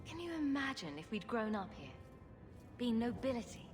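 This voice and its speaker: An actress playing a composed, protective elder sister, a measured and reassuring fantasy game heroine. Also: female voice, fairly high pitch, sing-song. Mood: reflective. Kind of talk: video game voice acting. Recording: long echoing reverb. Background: game music.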